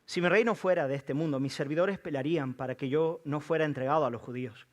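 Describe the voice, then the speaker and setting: A calm, solemn man, read by a preacher who speaks quietly and at a measured pace. The voice sits lower and softer than the reader's own. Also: close to an everyday voice.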